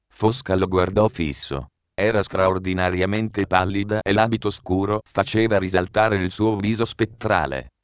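Man reading a novel out loud, lowish smooth voice, dry close mic. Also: fairly even intonation, normal speed, dry recording. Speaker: narrator.

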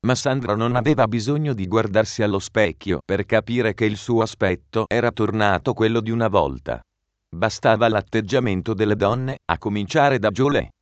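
A man reading a novel aloud in measured, even narration. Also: lowish voice, no echo. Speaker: audiobook narrator. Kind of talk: scripted narration. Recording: dry, muffled recording.

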